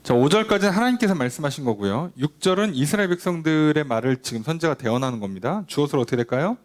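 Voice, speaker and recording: A man's voice: on the high side, expressive, fast. Male pastor, Bible study sermon, conversational, keeps asking the congregation questions, acts out quoted dialogue. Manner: acts out quoted dialogue between God and people.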